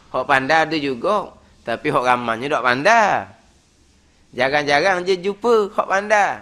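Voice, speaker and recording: The man's voice sits a little high as he teaches his weekly religious study session in a prayer hall. His delivery is lively and conversational, peppered with "ha" fillers.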